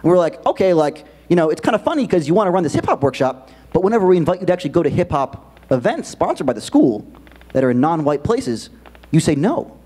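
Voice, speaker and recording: A man giving a keynote talk to students in a school auditorium, speaking conversationally with lots of fillers. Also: on the high side. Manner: animated, quick conversational delivery with many fillers. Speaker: keynote presenter.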